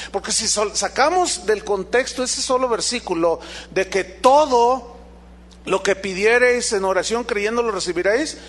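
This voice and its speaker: A man's voice: sits high, a bit bright. A Mexican man with a Mexican accent, preaching a sermon as pastor, emphatic and quizzing his congregation with rhetorical questions. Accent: Mexican Spanish.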